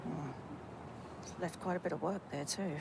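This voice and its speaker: Low-voiced woman golf commentator. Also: moderate pace, gravelly. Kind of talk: live golf commentary, analytical and conversational. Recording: outdoor ambience noise behind voice.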